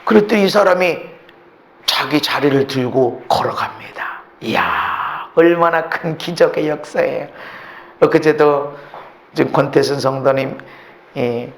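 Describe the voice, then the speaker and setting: A male pastor preaching a sermon emphatically, swinging between shouts and hushed asides, in a church. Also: a little high, a little slow, gravelly, reverberant. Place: church sanctuary.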